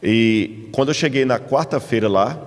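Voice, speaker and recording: A man with a Brazilian Portuguese accent, a preacher telling his testimony from the pulpit as a lively storyteller. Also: medium pitch, normal speed, big-room sound. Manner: lively storyteller, acts out dialogue in raised voices. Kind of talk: sermon testimony. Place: church in the United States.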